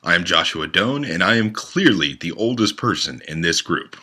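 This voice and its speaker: A man's voice: sits low, animated, moderate pace. A man in his late twenties with a cold, giving a casual, rambling, self-mocking introduction of himself. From western United States. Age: 20s. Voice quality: slightly congested, husky. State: has a cold. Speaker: show member introducing himself.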